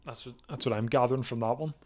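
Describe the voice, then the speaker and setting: A man from the UK, slightly hoarse, hosting a casual live watchalong at his desk, rambling, repeating words and clearing his throat. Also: mid-range voice, fairly even intonation, fast talker, a little mellow. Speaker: live stream host.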